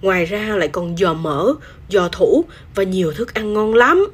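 A woman's voice: mid-range voice, expressive, normal speed, husky. A woman voicing a chatty old copper pot who speaks like a fussy uncle and clangs sound words, in a storybook reading.

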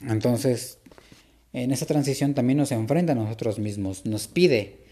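A man giving an informal, reflective spoken lecture to the listener, unhurried, with frequent filler words and restarts. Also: medium pitch, mellow. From Latin America. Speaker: speaker giving a talk on psychology.

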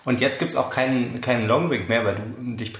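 A young man co-hosts a late-night chat show from a friend's flat, and his voice echoes in the roomy space. He rambles with dry, deadpan irony and often restarts his sentences, at an ordinary middle pitch. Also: moderate pace, creaky, a little hiss or hum. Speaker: podcast co-host. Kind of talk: casual chat. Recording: roomy room sound.

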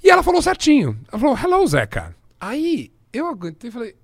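A middle-aged Brazilian man, a journalist, telling anecdotes in conversation, animated and laughing often as he acts out the voices he quotes. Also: extremely high pitch, quick pace, gravelly, dry recording, clean studio sound.

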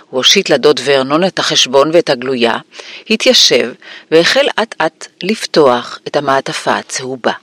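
A man reading an audiobook aloud in a measured storytelling voice on a close mic. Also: mid-range voice, fairly bright tone, dry recording. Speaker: audiobook narrator. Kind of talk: scripted audiobook narration.

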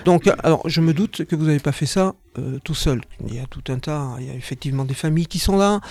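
Jovial, mellow-voiced male radio host. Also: a little high, fast talker, dry recording. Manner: jovial, chatty, with fillers. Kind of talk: community radio interview.

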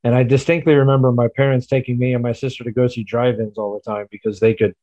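Man in his forties, rambling casual chat, lo-fi dry sound, middle pitch. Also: little pitch movement, fast, warm tone, no echo. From Memphis area, USA. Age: 40s. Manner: rambling, reminiscing with many fillers.

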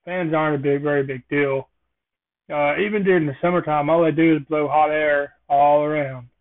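A man's voice: on the high side, fairly even intonation, normal speed. A man hosting a casual solo podcast, rambling through jokey observational musings. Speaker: podcast host. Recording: tinny phone-like sound.

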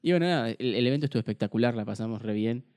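A young man with an Argentine accent telling a story in casual chat, animated, swearing and acting out a quarrel. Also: mid-range voice, rapid-fire, no echo, studio quality. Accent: Argentine Spanish. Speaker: event videographer.

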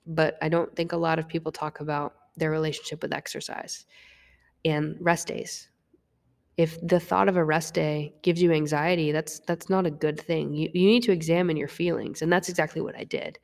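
Woman, young adult, low voice, frank, swears, reverberant room. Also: steady tone, moderate pace, vocal fry, darkish tone. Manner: frank and confessional, swears freely, restarts often. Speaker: fitness coach. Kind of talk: candid personal monologue.

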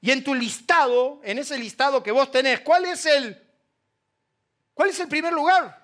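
A man with an Argentine accent preaching a sermon as pastor, swinging between loud passion and hushed quiet. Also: very high-pitched, measured pace. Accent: Argentine Spanish.

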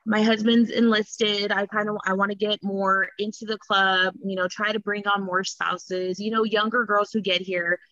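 A woman's voice: medium pitch, little pitch movement, normal speed, few pauses, sharp tone, dry recording, lo-fi sound. A young woman, a podcast guest, talking casually with many fillers. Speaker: spouses club president, guest.

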